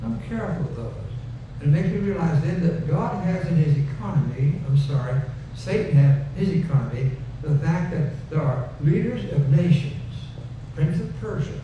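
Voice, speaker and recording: With an expressive, dark-toned voice on the high side, the older pastor speaks at a moderate pace, delivering a homey, conversational sermon with repeated phrases and then a prayer. He's indoors on a wood-paneled church stage using a headset mic, and the sound is noisy, dull, distant and reverberant.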